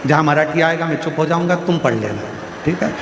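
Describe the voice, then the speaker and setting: A man's voice: expressive, a little fast, creaky, background noise. A man giving a live religious sermon to a large gathering, telling a sacred story with an emphatic, rising and falling cadence and speaking straight to the crowd. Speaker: devotional storyteller preacher. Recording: booming hall reverb, faint music.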